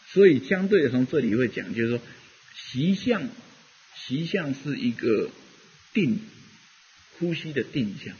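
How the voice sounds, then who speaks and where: A man's voice: medium pitch, a little mellow. Guy giving a buddhist talk, rambly and chatty, kinda muffled lo-fi recording w/ faint hiss. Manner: rambling, conversational teaching with many fillers. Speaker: Buddhist teacher. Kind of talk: dharma talk.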